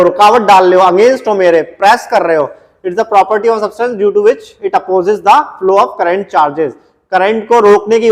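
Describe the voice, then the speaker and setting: A man teaching an exam-prep science lecture, repeating key points and reading English definitions slowly, word by word. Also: high-pitched. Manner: repetitive, drilling, frequent "ठीक है" check-ins. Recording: long echo in a reverberant room.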